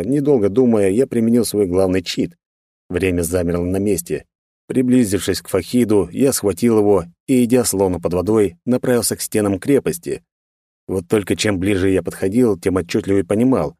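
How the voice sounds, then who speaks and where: A man narrating a first-person fantasy story in a calm, measured way. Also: lowish voice, no echo, clean studio sound. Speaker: audiobook narrator.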